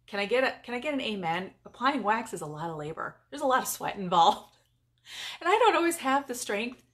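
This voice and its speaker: A woman's voice: a little high, sing-song, brisk. A middle-aged woman from California, chatting upbeat and casually to her viewers during a live-stream demonstration in her home garage. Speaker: furniture painter and paint business owner.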